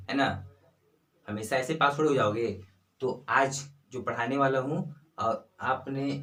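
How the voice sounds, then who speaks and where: A man's voice: mid-range voice, a bit bright, echoey room, recorded from a distance, rough recording. Chatty young man teaching Hindi grammar. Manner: chatty, repeats and quizzes himself on examples. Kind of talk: casual online lesson.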